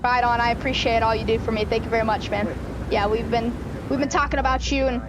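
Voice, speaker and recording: A woman hosts a flight sim livestream in a casual, encouraging way. Her voice sits fairly high and sounds upbeat, with a clear engine rumble behind it. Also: fairly even intonation, fast. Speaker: flight simulator livestream host. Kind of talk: casual livestream chat with mock captain announcements. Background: simulated aircraft cabin rumble.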